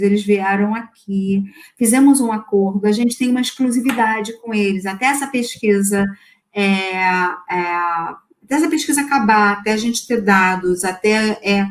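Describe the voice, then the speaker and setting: A woman with a Carioca accent, talking casually as a guest speaker, with many fillers and restarts. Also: mid-range voice. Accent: Carioca Brazilian Portuguese. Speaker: guest speaker on language learning. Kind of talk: casual talk in an online panel.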